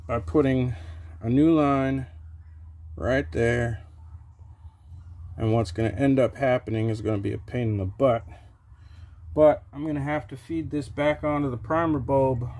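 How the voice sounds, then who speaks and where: Mellow-voiced man explaining a repair. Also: mid-range voice, a little hiss or hum. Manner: plain, practical step-by-step explaining with frequent "okay"s. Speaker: small-engine repair host. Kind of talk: casual how-to narration while working. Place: home workshop bench, open to the outdoors.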